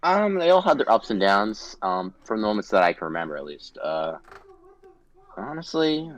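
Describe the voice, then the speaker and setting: A young man with a fairly low voice who answers questions in a laid-back group chat. He pauses often and fills gaps with ums, unhurried and easygoing. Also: no room sound, dull audio. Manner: relaxed, hesitant with many ums. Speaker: guest player.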